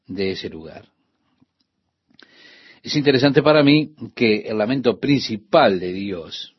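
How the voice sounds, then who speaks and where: A man with a husky, somewhat breathy voice gives an earnest Bible teaching on the radio and speaks straight to the listener. His voice sits at an ordinary pitch for a man. The audio is dull and lo-fi, like an old broadcast. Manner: earnest, addresses the listener directly.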